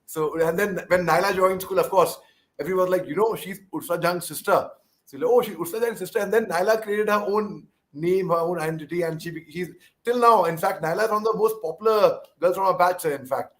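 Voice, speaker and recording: A man's voice: high-pitched, brisk. A man with an Indian English accent speaks conversationally in an interview, deferential, emphatic and given to repeating himself. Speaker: interviewer and former army officer.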